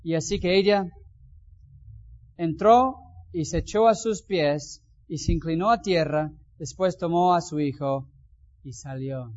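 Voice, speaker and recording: A man's voice: a little high, a little slow, darkish tone. A man, a pastor reading scripture aloud and commenting on it with folksy asides. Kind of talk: Bible reading and sermon. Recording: dull lo-fi sound.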